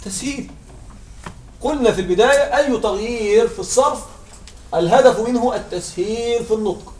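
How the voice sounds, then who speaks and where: A man's voice: very high-pitched, brisk, a little mellow. A man teaching a grammar lesson, drilling examples aloud and checking understanding with frequent questions. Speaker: Arabic morphology teacher. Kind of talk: classroom grammar lecture. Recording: echoey room, far from mic, faint music.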